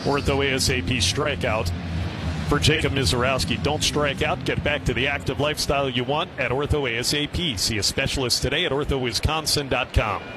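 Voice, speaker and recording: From a stadium broadcast booth, a man with an American accent calls a live baseball game on the radio as play-by-play announcer. His mid-range voice is brisk and heard over music, with steady, noisy ballpark ambience behind him.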